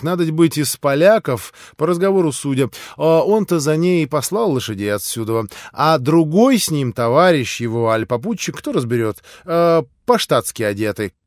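A folksy older innkeeper, sly and chatty, put on by a male reader, drawling in plain country speech with a lively, rising and falling tune. The sound is close and dry, an audiobook voice with no room around it. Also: fairly high pitch, no echo. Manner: colloquial, drawling, gossiping.

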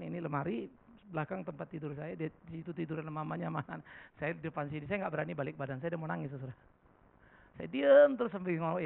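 A middle-aged male pastor preaching a sermon, telling stories in an animated way with sudden emphatic outbursts. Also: a little high, vocal fry. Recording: tinny phone-like recording.

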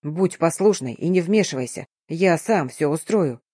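A woman voicing a wounded young husband who speaks low and tenderly in an audiobook romance. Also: moderate pace, a little mellow, dry recording, studio quality, close to an everyday voice. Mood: grim resolve.

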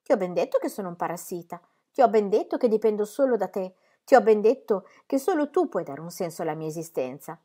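A woman's voice: medium pitch, lively intonation, fast talker, dark tone, natural voice. A woman reading an audiobook, voicing a restless, demanding young male artist in impassioned, pleading outbursts.

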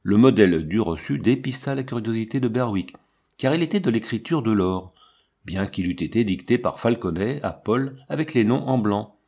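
A man giving a measured, expressive narration of a literary audiobook. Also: fairly low pitch, slightly rough.

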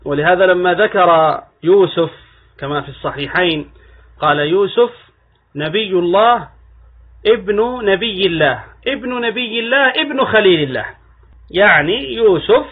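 A man teaching hadith in a measured lecturing cadence, his voice set a little high and husky. He leans into key words with rising emphasis. The recording is tinny and narrow, like it came over a phone line. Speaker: Islamic scholar. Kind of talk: religious lesson explaining hadith.

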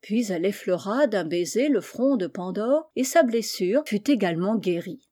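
A woman reading a storybook aloud as an audiobook narrator, measured and expressive. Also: mid-range voice. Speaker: audiobook reader.

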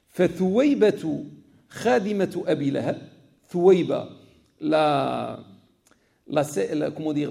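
A man's voice: fairly high pitch, gravelly, warm tone. A man giving a religious lesson in a mosque, careful and explanatory, stating each point and then restating it. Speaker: mosque teacher. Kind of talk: religious lecture.

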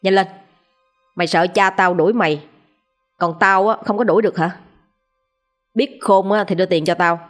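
A woman's voice: mid-range voice, fairly even intonation, faint music behind, lightly acted. A woman voicing a spoiled, cruel young man who barks harsh orders. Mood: threatening. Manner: harsh, barking orders fast.

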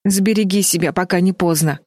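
A woman's voice: lowish voice, fairly even intonation, fairly quick, warm tone, dry recording, studio quality, lightly acted. A woman voicing an anxious, sensible girl who speaks sternly and pleads, in a storybook reading.

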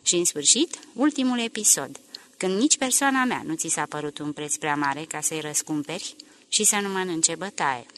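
A woman reading the lines of a reserved grown man in an audiobook, measured and reproachful. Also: deep voice, lively intonation, fairly bright tone, slight background noise.

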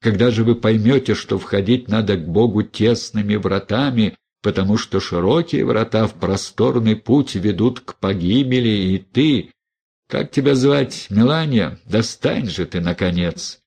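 A man's voice: on the low side, unhurried, gravelly, darkish tone, breathy edge, full character voice. A man voicing a severe, reproachful older abbess who preaches and questions sharply. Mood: stern rebuke. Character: stern older abbess of a women's convent.

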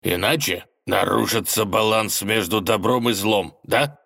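A man voicing a huge three-headed dragon villain who grumbles slowly in a soft, mild voice. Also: fairly low pitch, creaky, exaggerated voice. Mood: explaining. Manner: slow, drawn-out, grumbling. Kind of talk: storybook character voice.

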